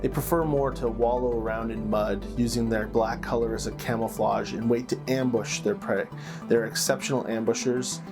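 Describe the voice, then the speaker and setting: Acting as game master and host, a man recounts fantasy lore in a mid-pitched voice, taking his time and leaning on dramatic pauses. Plucked guitar can be heard clearly underneath.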